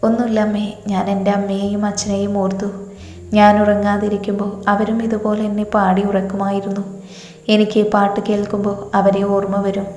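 A woman voicing a gentle young mother who speaks softly and soothingly. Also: medium pitch, completely flat delivery, normal speed, close to an everyday voice. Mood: wistful. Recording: echoey room with long reverb.

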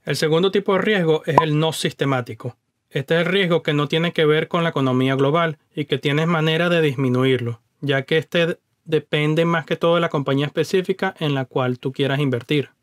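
A man with a fairly high voice walks the listener through stock market basics in a friendly, explanatory voice-over. He speaks straight to the viewer and drops in the odd English word. The sound is dry and close, with no room around it. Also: brisk, no room sound. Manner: conversational and explanatory, addresses the viewer directly; mixes in English words. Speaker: personal finance YouTuber. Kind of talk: explaining investing over screen recordings.

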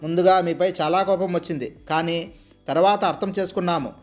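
A storybook grandmother, older and stern, lays out her grievance in a steady, measured way. A man reads her in his own high-pitched voice. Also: faint music behind, lightly acted. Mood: persuasive. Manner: measured, reproachful then persuasive. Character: stern elderly grandmother of the groom.

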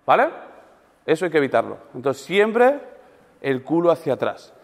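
A man coaching a class in a large gym, his voice pitched a little high and ringing with long reverb off the hall. He talks in an animated, demonstrative way and checks in with his listeners after almost every point. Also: normal speed. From Spain. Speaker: weightlifting coach. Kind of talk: coaching a seminar group.

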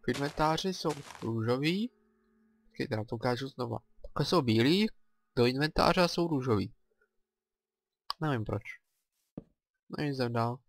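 A Czech-accented man hosts a let's play, talking through the game in a loose, chatty way. He thinks aloud and breaks into excited exclamations, with his voice sitting at an ordinary middle pitch and faint music playing behind him. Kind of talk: casual game commentary.

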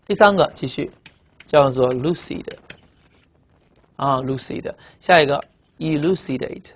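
A man teaching English vocabulary in Mandarin, repeating each word and explaining it with memory tricks and a steady stream of filler sounds. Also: a little high, unhurried. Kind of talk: recorded vocabulary lesson.

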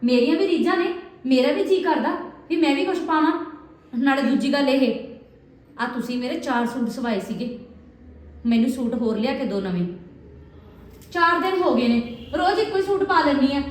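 A woman plays a young newlywed bride, complaining and insistent about what she is owed. Her voice is fairly high. The sound rings in an echoey room. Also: lively intonation, normal speed, pauses often, slight background noise. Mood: demanding. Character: young discontented new bride. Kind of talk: village family drama acting.

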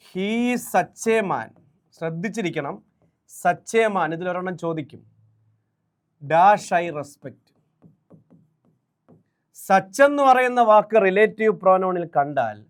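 A man with a Malayali accent giving a brisk exam-prep grammar lesson, drilling English examples slowly and repeating key points. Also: high voice. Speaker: English teacher.

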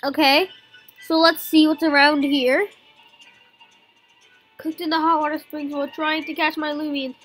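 A young-sounding gaming video host giving excited, exclamation-filled commentary and often repeating words, with game music behind. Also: high voice, unhurried, long pauses, poor audio.

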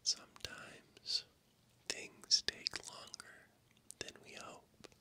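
A man in his thirties whispers a gentle ASMR ramble very close to a binaural mic, haltingly, moving from ear to ear. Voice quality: soft unvoiced whisper. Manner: gentle, encouraging. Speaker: ASMR channel host. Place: small room indoors at night. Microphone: binaural microphone, very close.

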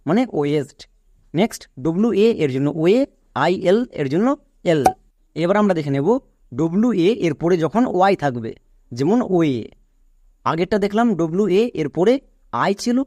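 A man's voice: fairly high pitch, a little mellow, no echo, studio quality. A man teaching English pronunciation, spelling words out letter by letter and quizzing his students. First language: Bengali. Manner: spells words letter by letter and asks the class questions. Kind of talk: spelling-rule lesson.

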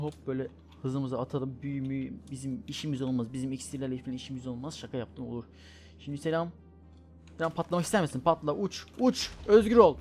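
A man giving playful gameplay commentary, rambling quickly, correcting himself mid-word and trash-talking the other players. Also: a little high, a little mellow. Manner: joking, trash-talking at opponents; rapid, rambling chatter with self-corrections. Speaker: gaming YouTuber.

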